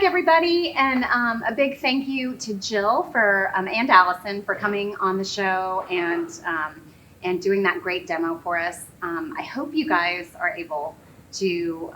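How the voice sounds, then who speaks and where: A woman's voice: mid-range voice, sharp tone, poor audio. Woman hosting a show, lots of ums, casual, faint hum in the back. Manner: chatty, many fillers. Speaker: host.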